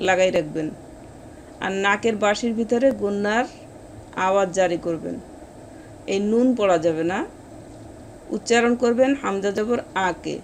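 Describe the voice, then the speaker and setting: A woman teaching Quran reading, explaining pronunciation rules and then reciting each word slowly and drawn out. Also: mid-range voice, a little hiss or hum. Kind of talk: step-by-step recitation lesson.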